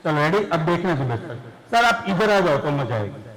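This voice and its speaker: A man's voice: fairly high pitch, big pitch swings, moderate pace, fairly bright tone, poor audio. Upbeat man coaching a student group. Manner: coaxing, explains rules again and again. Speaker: speaker leading students in a game. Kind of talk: lively talk to a student audience.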